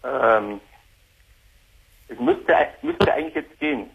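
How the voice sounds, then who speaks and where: A man in his thirties calls in on a speakerphone headset. His voice is very husky, and he talks haltingly, repeating his words. The sound is muffled, like a dull lo-fi phone line. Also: on the high side, huge pitch swings. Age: 30s. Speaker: caller. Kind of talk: call-in radio conversation.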